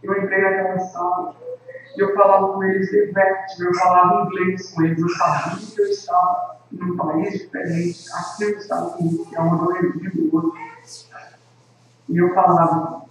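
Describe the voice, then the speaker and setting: A man's voice: high voice, normal speed, a bit bright. Solemn man in an echoey room. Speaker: evangelist and worship leader. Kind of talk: earnest personal testimony to camera. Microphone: camera microphone. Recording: echoey, distant, dull lo-fi with faint ambience.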